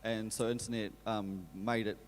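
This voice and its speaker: A man's voice: fairly low pitch, flat delivery, normal speed. A man giving informal, offhand thanks and announcements as an event organiser. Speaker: conference organiser and presenter. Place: on stage in a hall. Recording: echoey hall, faint hum and crowd.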